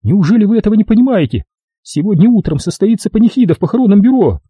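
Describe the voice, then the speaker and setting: Guy doing a high panicky widow, husky and begging, dry close audiobook sound. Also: animated, fast, warm tone, dry recording. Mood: pleading. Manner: shrill, panicky, pleading. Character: frightened, defensive young widow.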